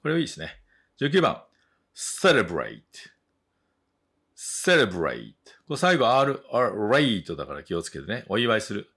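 A man teaching English vocabulary and pronunciation, saying each word slowly twice and chatting briskly in between. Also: mid-range voice, very animated, fairly bright tone, slightly rough. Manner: slow drawn-out model words, then quick chatty asides.

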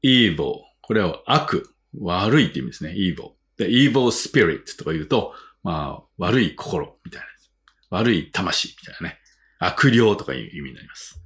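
Male teacher with a Japanese accent, deep but very lively pitch, patient word-by-word vocabulary drill. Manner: reads each word twice, then explains slowly. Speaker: English teacher. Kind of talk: vocabulary lesson.

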